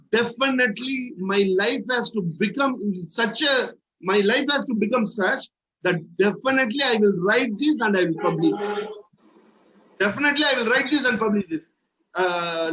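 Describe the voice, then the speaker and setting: Male session leader, Indian accent, high voice, encouraging and repetitive, on a muffled call. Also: sharp tone. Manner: encouraging, repeats phrases. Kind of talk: interactive online teaching. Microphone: video call. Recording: muffled online call audio, faint noise.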